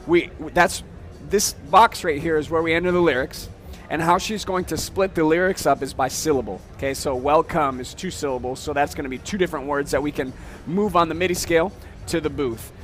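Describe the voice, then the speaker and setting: Casual man demoing software. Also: a little high, fairly quick, faint music behind. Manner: casual, explains step by step, frequent "okay?". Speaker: software demonstrator. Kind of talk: casual product demo. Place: trade show floor.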